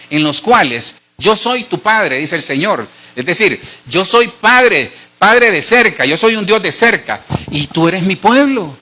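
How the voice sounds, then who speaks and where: A man's voice: sits high, sharp tone. A middle-aged man with a Colombian accent, preaching a sermon as pastor and speaking straight to his congregation in a conversational way. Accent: Colombian Spanish. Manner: conversational preaching, addresses listeners directly.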